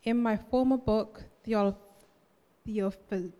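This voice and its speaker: A woman reads scripture aloud at a mid-range pitch, with a slightly halting delivery and small self-corrections. Her voice carries the long reverberation of a church hall. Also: steady tone, dark tone. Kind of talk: reading aloud from the Bible. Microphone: handheld microphone held close.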